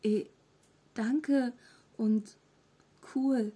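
A woman reading an audiobook, voicing an excited, curious nine-year-old boy who stammers eagerly and bashfully. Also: fairly high pitch, a little slow, slightly rough. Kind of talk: audiobook character voice.

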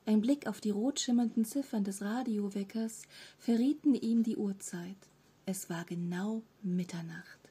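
A woman narrating a children's audiobook in a soft storytelling voice that often drops to a half-whisper. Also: mid-range voice, husky. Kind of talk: scripted narration.

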